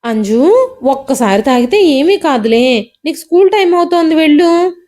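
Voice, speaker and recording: A woman voicing a gentle, caring middle-aged father who speaks in a soft, coaxing way. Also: high-pitched, lively intonation, normal speed, pitched above the performer's own voice. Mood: evasive.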